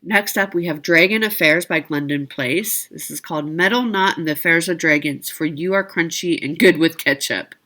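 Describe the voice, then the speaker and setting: This is the host of a needlework shopping video, a woman narrating a casual product showcase with frequent self-corrections and side remarks. She speaks at a normal speed with few pauses, her low voice sounding pushed and bright.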